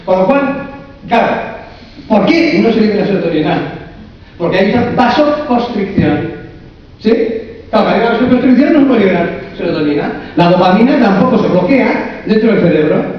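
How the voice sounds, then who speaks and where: Man, fairly high voice, coach giving a humorous conference talk, heard from far off in a big echoey hall. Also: moderate pace, highs cut off. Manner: humorous, lively, asks the audience many rhetorical questions. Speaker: coach and therapist speaking at a conference.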